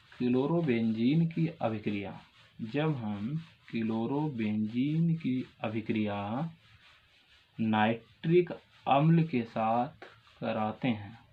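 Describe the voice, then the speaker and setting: A man's voice: medium pitch, slightly rough. A male chemistry teacher gives a lecture. He repeats each question, answers it himself, and keeps calling his students "dears.". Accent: Hindi-speaking North Indian. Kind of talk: classroom lecture. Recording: dull lo-fi sound with faint ambience.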